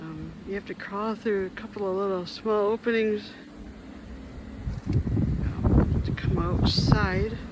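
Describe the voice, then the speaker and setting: A man in his fifties narrating a casual travel vlog in a fairly high voice, chatty and plain-spoken, often pausing on ums and starting sentences over. He talks outdoors, and the recording carries a clear layer of background noise. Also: steady tone. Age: 50s. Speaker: travel vlogger. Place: outdoors at a lighthouse.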